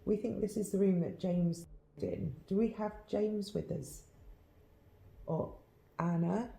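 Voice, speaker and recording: A woman's voice: medium pitch, unhurried, gravelly, mellow. A woman ghost hunter calling out to spirits and talking casually in an echoey room. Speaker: paranormal investigator.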